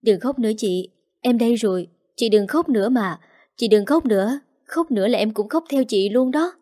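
A tender young brother, gentle and soft-spoken, as a woman narrator puts him on. His words come out choked and soothing, in a mellow, warm tone. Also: fairly high pitch, moderate pace, lightly acted.

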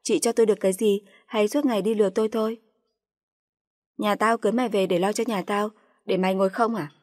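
A woman's voice: medium pitch, steady tone, fast, a little mellow, dry recording, clean studio sound, close to an everyday voice. A woman voicing a furious, foul-mouthed middle-aged sister-in-law who hurls insults in a harsh, raised voice.

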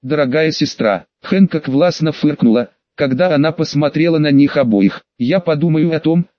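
A man reads an audiobook in a fairly high voice, keeping an even tone and barely changing his voice for the characters. The recording is dry and dull, as if made on a cheap microphone close to his mouth. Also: normal speed, dry recording. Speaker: audiobook reader. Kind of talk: audiobook narration. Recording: dull lo-fi close-miked sound.

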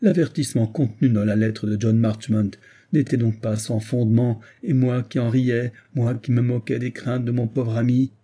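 A man's voice: medium pitch, fairly even intonation, normal speed, warm tone, close to an everyday voice. A man reading aloud, voicing an impatient young army captain who speaks with vehement urgency. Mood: anguished.

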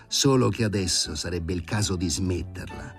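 A man's voice: low voice, moderate pace, soft background music. A man doing a brash, insolent ex-stray-dog lout. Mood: sarcastic. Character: coarse, cocky man who used to be a stray dog.

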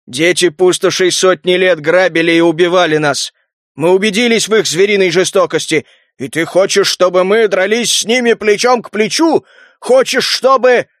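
A man's voice: high-pitched, normal speed, a bit bright, no room sound, clean studio sound. A man voicing a wary town headman who distrusts mutants, in an audiobook.

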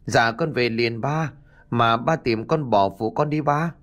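A man's voice: a little slow, fairly bright tone, highs cut off. A man voicing a stubborn, grieving young village girl, with a pleading, raised voice. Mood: sad, pleading. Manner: pleading, tearful, raised high voice.

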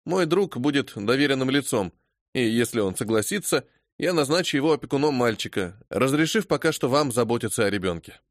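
A man voicing a grief-stricken young widower who bursts out in loud, anguished lines. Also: mid-range voice, expressive, brisk, no echo, studio quality, close to an everyday voice. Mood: earnest.

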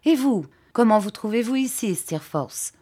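A woman's voice: on the high side, moderate pace, husky, pitched above the performer's own voice. A woman reading an eager young man. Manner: excited, gushing.

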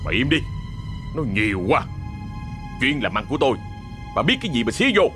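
A man voicing a gruff, rude middle-aged village butcher who talks curtly and scolds. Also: on the low side, expressive, normal speed, music in the background, close to an everyday voice. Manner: curt, scolding, coarse.

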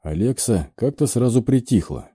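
Male audiobook reader, expressive and varied, dry close sound. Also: medium pitch, moderate pace, husky, no room sound. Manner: expressive storytelling. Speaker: audiobook narrator. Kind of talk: scripted narration.

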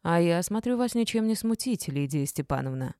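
A gruff middle-aged boss who barks blunt orders and growls his reproaches, as a woman reader voices him. The voice is dark and mellow, recorded close and dry. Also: on the low side, expressive, normal speed, no echo. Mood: mocking.

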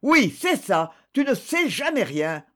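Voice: mid-range voice, big pitch swings, slow pace, voice pushed up. A reader voicing a grumbling, bitter middle-aged innkeeper's wife in an audiobook. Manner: scolding, sharp outbursts.

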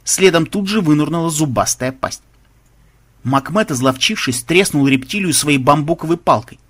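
A man reading an audiobook aloud with expressive, dramatic narration. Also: on the high side, normal speed, slightly rough.

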